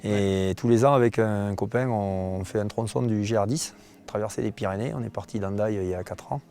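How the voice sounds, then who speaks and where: A man's voice: fairly low pitch, brisk, mellow. A man from Réunion, a hiker, chatting cheerfully in an interview. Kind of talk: casual documentary interview. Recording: documentary with clear background music.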